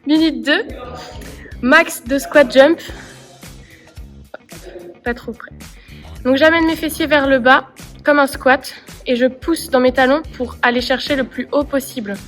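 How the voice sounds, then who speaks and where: A woman clearly explaining workout exercises step by step as a coach. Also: high-pitched, steady tone, moderate pace, a bit bright, faint music behind. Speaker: CrossFit coach. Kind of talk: workout instruction.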